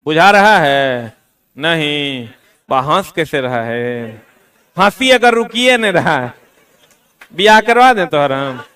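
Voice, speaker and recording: In a classroom exam-coaching lecture recorded from afar, a man with a fairly high, smooth voice and fairly bright tone talks slowly with big pitch swings. He teases his students and scolds them in slangy language.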